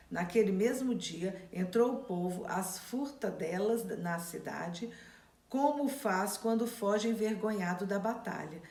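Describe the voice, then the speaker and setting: A woman's voice: mid-range voice, mellow, reverberant. A woman who reads scripture aloud and then retells it in plain, casual words to her class. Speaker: Bible study teacher. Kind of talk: Bible reading and teaching.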